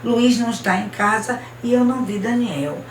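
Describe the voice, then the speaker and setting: Woman as a calm, motherly older woman in a storybook, echoey room. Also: on the high side, normal speed, slight background noise, pitched above the performer's own voice, lightly acted. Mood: gentle. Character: older mother, gentle but firm. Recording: roomy, distant mic, faint ambience.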